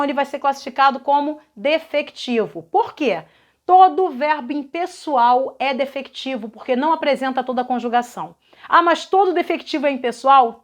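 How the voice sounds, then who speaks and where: High-voiced Brazilian woman teaching grammar. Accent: Brazilian Portuguese. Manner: patient, explanatory, checks understanding with "né?" and "tá?". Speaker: Portuguese teacher. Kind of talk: recorded grammar lesson correcting exercises.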